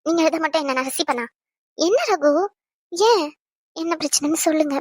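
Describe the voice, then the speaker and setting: A woman's voice: sits high, normal speed, dry recording, studio quality, natural voice. A young woman playing a caring pregnant wife in an audio drama, chatty, fussing and tender. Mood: worried. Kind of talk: Tamil audio drama acting.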